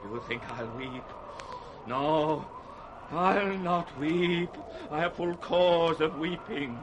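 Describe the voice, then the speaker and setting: Old king, very slow declamation, piercing high tone, betrayed, anguished, 1960s radio drama. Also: noisy background. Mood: raging grief. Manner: declamatory, swinging between hushed and crying out. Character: old betrayed king, raging, wounded, slipping toward madness. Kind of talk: 1960s British radio Shakespeare acting.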